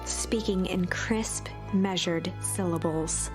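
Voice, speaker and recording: A woman giving measured, expressive scripted narration for a story game, in storybook style. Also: fairly low pitch, over loud music.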